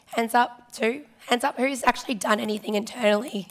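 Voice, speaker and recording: A woman with a hoarse voice that is giving out, presenting informally and chattily to a conference. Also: on the high side, steady tone, fairly quick. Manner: chatty, informal, addressing audience directly. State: hoarse, losing her voice. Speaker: conference presenter, partnerships manager. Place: large conference hall stage, indoors.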